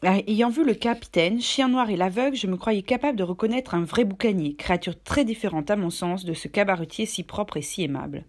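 A woman narrating a novel aloud, with a steady, measured delivery and small self-corrections. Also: medium pitch.

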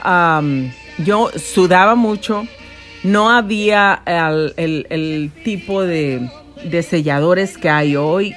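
A middle-aged woman from Mexico telling a personal story, animated and dramatic with many exclamations. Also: fairly low pitch. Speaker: podcast host.

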